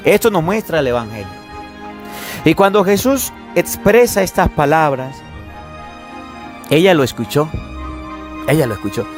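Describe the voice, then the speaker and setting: A man's voice: a little high, big pitch swings, a little slow, long pauses, soft background music. A man, a priest giving a sermon, repeating key phrases with emphasis and speaking straight to his listeners. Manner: repetitive, emphatic preaching that addresses listeners directly.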